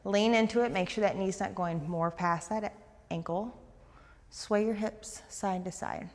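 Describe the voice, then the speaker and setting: A woman leading a guided stretching class, talking fast and eagerly as she gives coaching cues. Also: mid-range voice, a little mellow, big-room sound. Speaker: fitness instructor.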